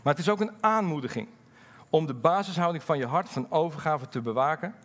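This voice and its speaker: Middle-aged male pastor, fairly high voice, sermon delivery, candid and lively, drops low for asides. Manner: lively, swings from loud emphasis to low confiding asides; candid, halting storytelling with fillers.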